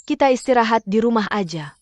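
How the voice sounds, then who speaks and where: A woman's voice: on the high side, lively intonation, brisk, darkish tone, natural voice. An actress voicing a doting, chatty middle-aged mother who fusses over and coaxes her grown son, in a dubbed drama. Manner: fussing, coaxing.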